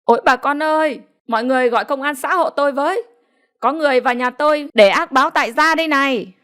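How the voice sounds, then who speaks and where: A woman voicing an outraged older village father-in-law who shouts and wails for the neighbors in a storybook reading. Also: medium pitch, lively intonation, fast. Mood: wailing for help.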